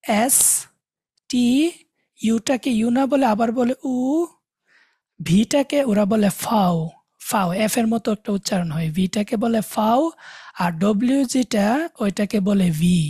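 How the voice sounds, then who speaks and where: একজন মহিলা জার্মান ভাষার শিক্ষিকা, অনলাইন ডেমো ক্লাসে ধীরে ধীরে একটা একটা করে বর্ণ উচ্চারণ করে বোঝাচ্ছেন।. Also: female voice, medium pitch, dark tone, breathy edge, dry recording, studio quality. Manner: slow, spelling out letters one by one. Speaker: German language teacher. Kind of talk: online demo class.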